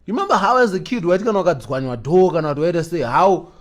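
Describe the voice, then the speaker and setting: A man's voice: high voice, very fast. A young Zimbabwean man co-hosting a podcast, chatting casually and animatedly, switching between languages. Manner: animated, code-switching banter. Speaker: podcast co-host. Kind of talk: casual chat.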